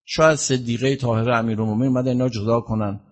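A man as a religious eulogist, telling a mourning sermon in a lamenting, drawn-out way. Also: medium pitch, fairly even intonation, a little mellow. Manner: lamenting, drawn-out storytelling delivery.

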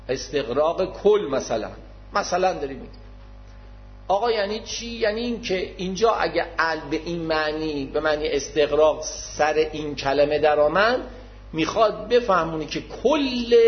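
A man gives an explanatory religious lecture, patient and formal, often repeating his key terms. His voice sits fairly high for a man. The recording is dull and lo-fi. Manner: modest, addresses listeners formally.

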